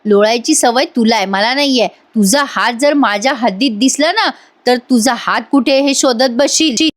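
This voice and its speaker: Feisty young wife snapping back, woman voicing her, sharp and fairly high. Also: moderate pace, lightly acted. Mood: defiant. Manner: sharp, defiant.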